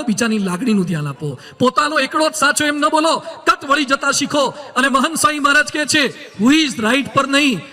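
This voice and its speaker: A man's voice: extremely high pitch, pushed and bright, long reverb tail. A man, a monk, giving a sermon with humorous stories and emphatic moral points.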